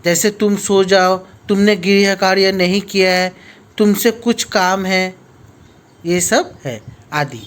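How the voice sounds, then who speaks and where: A man teaching a school grammar lesson to children, patient and repetitive, reading examples out slowly with frequent filler phrases. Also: high voice, clean tone.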